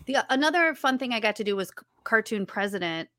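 Animated and quick, with a fairly high pitch and sharp tone, the woman sounds childlike as she discusses her writing and voice acting in a casual interview. She's chatty, full of fillers and restarted sentences. The recording is dry and studio quality.

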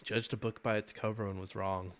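Man, podcast co-host, casual gaming chat, animated, swears freely, laughs a lot. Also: on the low side, fairly quick.

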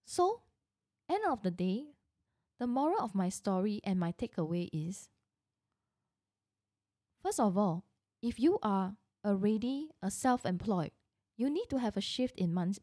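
Middle-aged woman, real estate agent; earnest storytelling monologue, soft warm tone, dry close recording. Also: medium pitch, animated, measured pace, long pauses, no echo. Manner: earnest, frequent restarts and self-corrections.

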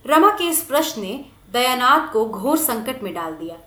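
Woman narrating a novel, expressive, high and lively voice, echoey room. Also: moderate pace. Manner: expressive storytelling. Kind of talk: reading a novel aloud.

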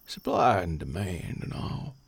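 A man voicing Maddox, a sly, easygoing young male drifter, in a raspy, gravelly voice. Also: low-pitched, wildly swooping pitch, unhurried, no room sound, pitched above the performer's own voice, exaggerated voice. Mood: wheedling.

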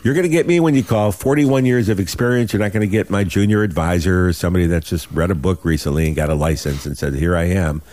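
A man in his sixties hosting a financial radio show, making an urgent, folksy, emphatic sales pitch and repeating himself. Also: quick pace, hardly any pauses, a little mellow. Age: 60s.

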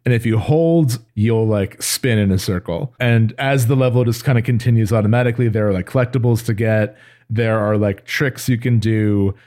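Low-voiced man, relaxed game chat. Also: moderate pace. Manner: relaxed explaining with many fillers. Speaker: podcast co-host. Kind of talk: casual chat.

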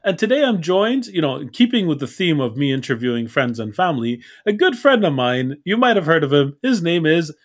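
A man's voice: fairly high pitch, sing-song, fairly quick, few pauses. A man who grew up in Canada, hosting a podcast and chatting in a friendly, easygoing way, laughing easily and asking open questions. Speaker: podcast host. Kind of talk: casual interview chat.

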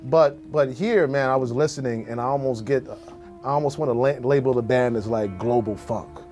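A man hosting a casual music interview, talking haltingly with many restarts. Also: medium pitch, a little mellow. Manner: hesitant, halting, with frequent fillers and restarts. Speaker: radio show host.

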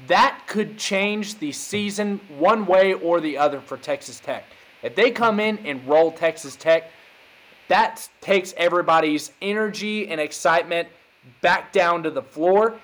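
A man's voice: sits high, unhurried, a bit bright. A man hosting a podcast, talking college football in a hyped, emphatic casual way. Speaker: podcast host. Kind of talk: casual sports chat.

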